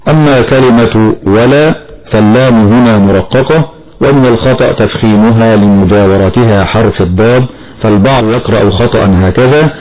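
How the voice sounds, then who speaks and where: A man teaching Quran recitation rules in a measured, explanatory way, chanting short verses slowly as examples. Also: fairly low pitch. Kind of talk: tajweed lesson with slow recited examples. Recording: dull lo-fi broadcast audio.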